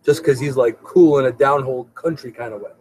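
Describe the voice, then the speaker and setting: A middle-aged man hosts a live stream in a casual, rambling style, often repeating his words. His mid-range voice is brisk, darkish and slightly rough, recorded with no room sound at low quality.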